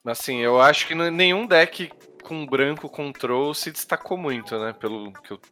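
A man's voice: on the high side, moderate pace, pushed and bright, soft background music. A man with a Brazilian accent chatting casually and playfully about a card game, using plenty of slang. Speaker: podcast panelist.

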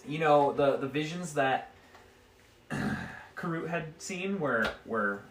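A man's voice: fairly high pitch, animated, takes it slowly, fairly bright tone. A man narrating as game master in a tabletop game, rambling and correcting himself as he describes the scene. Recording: echoey room, distant mic, faint noise.

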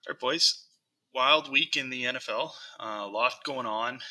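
A young man co-hosting a casual sports podcast, speaking in a halting, deadpan way full of ums and restarts. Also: medium pitch, poor audio. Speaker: podcast co-host.

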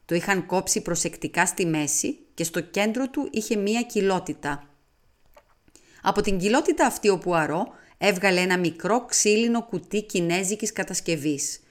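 A woman reading a detective novel aloud as an audiobook, in a measured, expressive way. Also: mid-range voice. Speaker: audiobook reader. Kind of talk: audiobook narration.

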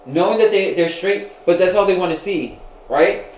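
Man in his twenties, casual chat host, animated and gossipy, echoey room. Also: sits high, normal speed, slight background noise. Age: 20s. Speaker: podcast host.

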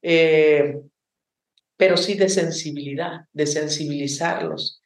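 A woman's voice: low-pitched, fairly even intonation, slow pace. A woman theater teacher and director from Mexico, answering interview questions with passion and frequent reflective asides. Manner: passionate, reflective, many rhetorical "¿no?" tags. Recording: roomy echo.

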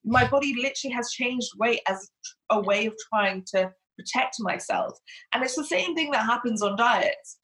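Speaking at a moderate pace with a fairly high, somewhat bright voice, a woman raised in Hong Kong chats as an interview guest. She works as a body confidence coach, uses lots of fillers in this casual talk, and the audio quality is poor.

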